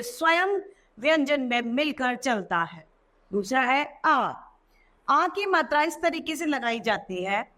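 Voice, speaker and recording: A woman's voice: high voice, sharp tone. A woman teacher explaining a children's grammar lesson patiently, repeating each example word twice.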